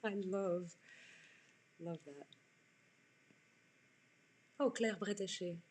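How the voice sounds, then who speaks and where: Drawn-out words, a lowish pitch, and a slightly mellow, breathy quality mark this woman's speech. In her forties and from France, she runs a live online drawing class from a room in her home, chatting with viewers and answering their comments as she works.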